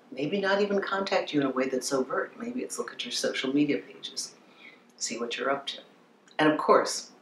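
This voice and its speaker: A man's voice: fairly high pitch, fairly bright tone. A man giving relationship advice as a coach, speaking emphatically and asking himself rhetorical questions. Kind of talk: advice monologue. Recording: roomy with faint background noise.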